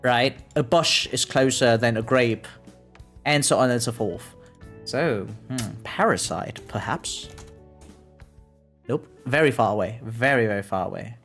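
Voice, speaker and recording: Over background music, a game streamer with a mid-pitched, fairly bright voice chats casually on a live stream, thinking aloud. The talk rambles, with sentences repeatedly tagged with "right?" as a quick check-in.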